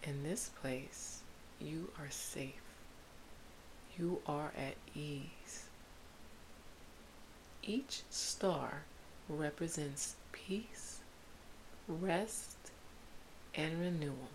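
A woman guides a sleep meditation in a soft, soothing whisper, low and very unhurried, like a spa relaxation guide. A faint hiss runs through the background of the recording.

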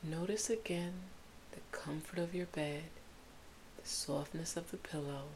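A woman guiding a sleep meditation in a soft, soothing spa-like whisper. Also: low-pitched, fairly even intonation, measured pace, low-quality recording. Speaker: meditation guide. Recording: hissy background noise.

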